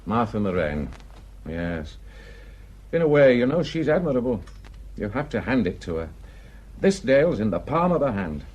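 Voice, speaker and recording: In a radio drama, an actor plays a gossipy, plain-spoken village man with a Northern English accent, telling indignant tales in a garrulous, emphatic, colloquial way with wry indignation. His mid-range voice is sing-song and a little mellow, at normal speed with frequent pauses, on a muffled recording.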